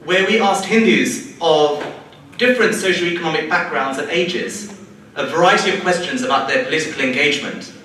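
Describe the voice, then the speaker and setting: A young man from the United Kingdom giving a prepared, rhetorical conference speech with measured repetitions. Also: fairly high pitch, a bit bright, a little hiss or hum. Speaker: conference panelist, local election candidate. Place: large conference hall. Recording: distant, echoey hall.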